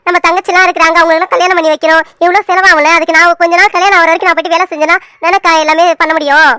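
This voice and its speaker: A woman's voice: very high-pitched, steady tone, racing, bright, forceful tone, no echo, studio quality. A woman voicing a sensible, earnest young daughter who patiently explains herself in a cartoon serial.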